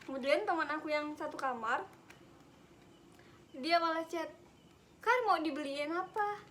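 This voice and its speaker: A woman's voice: high-pitched, a little slow, a bit bright, slight background noise. A young woman vlogger casually retelling her own story, laughing and dramatizing.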